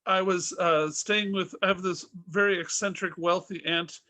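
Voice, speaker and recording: A comedy podcast host tells a rambling story and asks questions in casual interview chat, full of fillers and laughs. His voice sits high and sounds pushed and bright, with fairly even intonation at normal speed and no echo.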